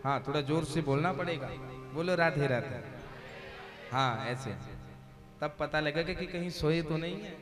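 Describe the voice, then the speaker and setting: A male Bhagavata katha preacher gives a devotional sermon to a seated audience at a religious gathering, jovially teasing them as he commands them to chant and sit still. His voice is a little high at a moderate pace. It's a live recording with loud devotional music.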